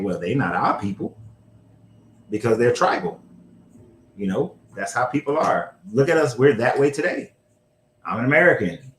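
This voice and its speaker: With a lowish voice, a male show host chats loosely about history, dropping some swear words and fixing his own slips along the way. The recording has a roomy echo and slight background noise.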